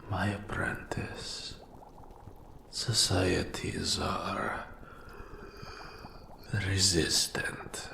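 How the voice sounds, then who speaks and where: In a scripted roleplay audio drama, a man voices a nameless old archive custodian, an eldritch, melancholy mentor in forbidden magic who is formal and patient. He speaks slowly in a breathy, gravelly whisper with a low pitch that barely moves, pushed and bright, his exaggerated delivery measured, mysterious and ominous. The recording sounds roomy, with a little hiss or hum.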